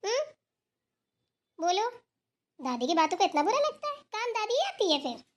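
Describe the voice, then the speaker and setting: A woman's voice: very high voice, big pitch swings, normal speed. A woman voicing a bossy but loving old village grandmother in a cartoon, scolding and then coaxing the family. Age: older. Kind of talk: cartoon voice acting.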